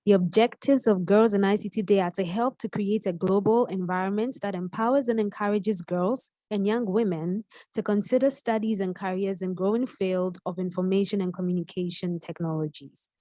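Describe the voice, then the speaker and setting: A woman's voice: medium pitch, steady tone, normal speed, hardly any pauses, mellow, no room sound. A woman hosting an interview, reading a formal introduction and then asking questions. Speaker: interviewer and host.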